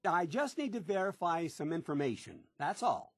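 A man's voice: sits high, expressive, measured pace, background noise. An actor playing a pushy, cheerful male bunker salesman, eager sales patter, heard as game clips played into a prank call.

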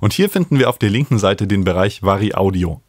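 A man in his thirties, host and music production tutor, walks through a lesson step by step in a fairly low, animated voice at a quick pace. He's recorded indoors in a small home studio on a studio microphone set close on a stand, and the sound is dry.

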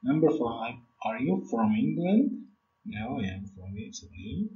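A man with an Arabic accent teaches English grammar at a very slow, deliberate pace, and his pitch rises and falls freely. He sounds distant from a webcam in an echoey room, with a dull, muffled tone. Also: big pitch swings, dark tone. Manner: deliberate, repeats examples, frequent uh.

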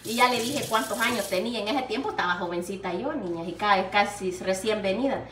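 A woman's voice: mid-range voice, brisk, noisy background. An older woman, chatting affectionately to camera in her home kitchen, upbeat and laughing often. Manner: chatty and affectionate, calls viewers "niña" and "hija linda". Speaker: vlogger. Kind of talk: casual chat to camera while cooking. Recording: echoey room, mic at some distance.

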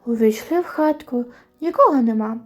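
A woman storyteller reading a folk tale at bedtime, with steady storybook narration and a folk-tale rhythm. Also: a little high, moderate pace.

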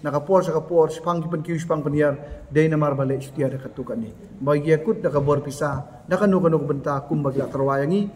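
A man's voice: fairly high pitch, a little fast, darkish tone, slight background noise. A man in his thirties giving an emphatic press conference statement, seated at a table in a bare concrete meeting hall, picked up by a camera in front of him. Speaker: association office-bearer at a press meet.

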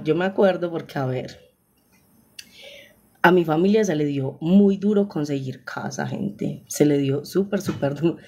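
A young woman with a Paisa Colombian accent chatting casually with viewers on a live stream, exclamatory and quick to laugh, speaking into a phone. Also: fairly low pitch, mellow. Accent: Paisa Colombian Spanish.

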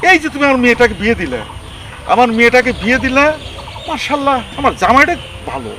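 A man's voice: extremely high pitch, animated, quick pace, sharp tone, recorded from a distance, a little hiss or hum, full character voice. An actor playing a worried father speaking of his married daughter. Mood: troubled. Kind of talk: social drama acting.

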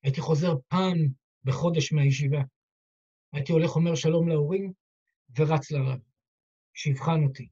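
Husky mellow-voiced rabbi telling a story. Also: male voice, a little high, long pauses. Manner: dramatic, heartfelt retelling with quoted dialogue. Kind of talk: emotional storytelling sermon. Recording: dull lo-fi recording.

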